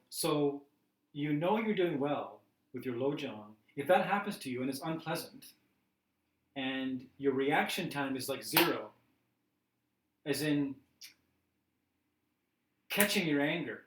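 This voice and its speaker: A man teaching a class in a chatty, laughing way, acting out everyday scenes as examples. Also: a little high. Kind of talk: casual teaching talk. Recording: roomy class recording from a distance.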